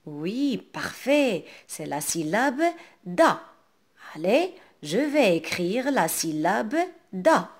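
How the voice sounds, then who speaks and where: A woman with a North African French accent, teaching a reading lesson to young children and sounding out words clearly. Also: medium pitch, sing-song. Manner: slow, carefully enunciated, repeating words for children.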